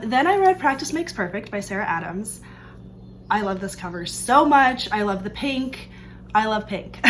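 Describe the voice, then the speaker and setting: A young woman with a slightly high, a bit bright voice, a little stuffed-up from allergies, chats upbeat about books she read, packing in "like" and "um." The book vlogger records in a room with an open sliding door, where faint outdoor ambience of birds and planes and a little hiss or hum come through.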